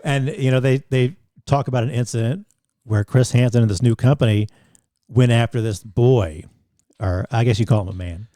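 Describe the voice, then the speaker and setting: Mellow-voiced man rambling on a podcast. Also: mid-range voice, normal speed, no room sound, clean studio sound. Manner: rambling, many restarts and fillers. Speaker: podcast co-host. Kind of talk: casual chat.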